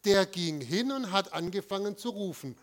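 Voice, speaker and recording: Male preacher with a high voice; emphatic delivery, answers his own rhetorical questions, leans hard on key words. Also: animated. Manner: stresses single words with pauses. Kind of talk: sermon with slides.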